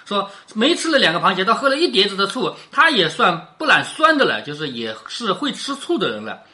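A woman's voice: medium pitch, sing-song, a little fast, pushed and bright. A woman teaching a class, reading a classic novel aloud and explaining it line by line while checking in with questions.

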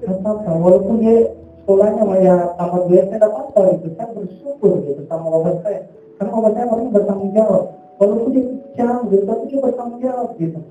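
High-voiced man preaching in an echoey hall. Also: fast, warm tone, faint music behind. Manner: casual, repeats filler tags constantly. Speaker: preacher giving testimony. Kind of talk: sermon testimony. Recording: very echoey hall, far from mic.

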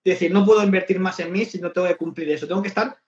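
A podcast host who lives in Barcelona talks in a chatty, rambling way, restarting his sentences often. His voice is high and racing, with crowd noise around him and an echoey, dull lo-fi recording.

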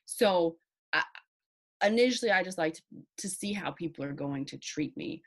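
A woman's voice: on the low side, animated, moderate pace. A woman in her thirties in casual podcast chat, assertive and self-assured, speaking with emphasis. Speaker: podcast co-host.

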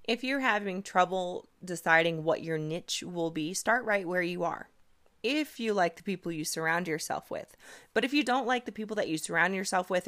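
Woman, podcast host, lower voice, coaching tone, persuasive. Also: fairly bright tone. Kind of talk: conversational podcast monologue.

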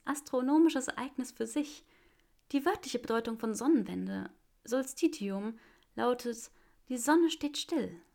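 A woman's voice: high-pitched, vocal fry, voice pushed up, exaggerated voice. A woman voicing Granger, an eager young witch. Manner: enthusiastic, explaining. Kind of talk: reading a fan story aloud.

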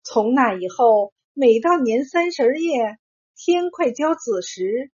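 Slow, breathy woman telling a folk tale. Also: a little high, animated, darkish tone. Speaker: storyteller. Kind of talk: scripted folk tale narration. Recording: dull lo-fi recording.

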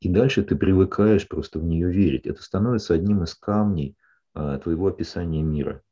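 A calm psychologist talks a client through things in a counseling session, his voice deep, husky and warm. He repeatedly checks her understanding with a questioning "да?". The recording quality is slightly lo-fi and dull.

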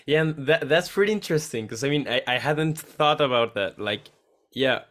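A man's voice: mid-range voice, expressive, normal speed, a bit bright. A man hosting a casual podcast conversation, speaking hesitantly with frequent restarts and fillers.

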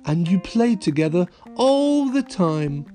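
Man playing a gentle, lilting mother pig. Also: high voice, big pitch swings, slow pace, faint music behind, pitched above the performer's own voice, exaggerated voice. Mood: amused. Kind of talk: children's cartoon storybook read-aloud.

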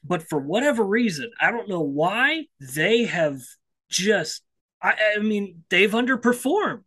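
A man co-hosting a casual sports podcast, building his points in a measured way and restarting his sentences. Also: sits high, sing-song, bright, forceful tone, breathy edge. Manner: measured, keeps repeating "here's my thing". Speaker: podcast co-host.

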